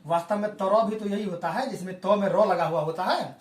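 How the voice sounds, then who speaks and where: Heard from a distance in an echoey room, this man teaches a spoken language lesson. His voice sits high, and he patiently explains things while saying example words again, slowly.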